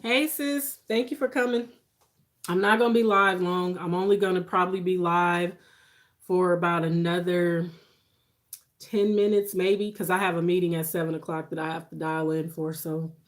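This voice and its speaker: Livestream host, woman, forties, lowish voice, informal and reassuring advice-giver. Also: fairly even intonation, normal speed. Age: 40s. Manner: reassuring, conversational advice-giving. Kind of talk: casual livestream chat with viewers.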